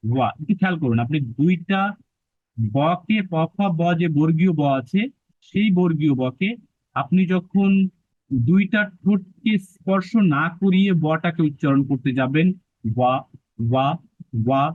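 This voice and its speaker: A man with a fairly high voice teaching pronunciation, patiently sounding out syllables again and again. The sound is dry and narrow, like a phone line. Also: no echo. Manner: patient, repeats syllables slowly to demonstrate. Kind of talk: explanatory lesson.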